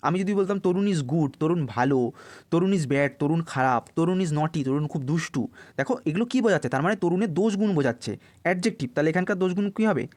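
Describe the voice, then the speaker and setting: A man tutoring children for an exam. He explains each answer step by step, reads English sentences slowly word by word, and often checks that they follow. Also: on the high side, lively intonation, darkish tone. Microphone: voice-over on a worked answer sheet.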